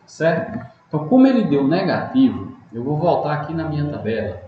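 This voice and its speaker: A man's voice: on the high side, big pitch swings, fairly quick. A man teaching a math lesson step by step, patient and often checking in with his students. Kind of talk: recorded online math lesson. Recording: echoey, dull, lightly noisy room audio.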